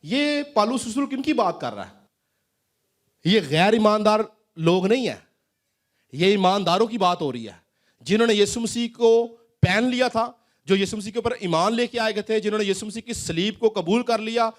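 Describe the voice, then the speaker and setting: A male pastor preaching a sermon in a church hall, asking rising questions and then dropping his voice low. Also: expressive.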